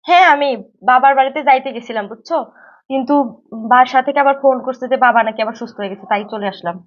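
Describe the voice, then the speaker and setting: A young woman acting a wife in a domestic drama, questioning and then shouting in fury. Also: high voice, fast talker, lo-fi sound, a little hiss or hum.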